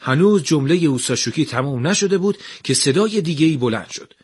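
A man narrating a scripted radio story in an even, measured way. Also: on the high side, husky.

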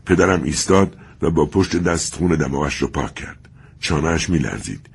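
A man reading a story aloud in steady, measured narration. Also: a bass voice, creaky, husky.

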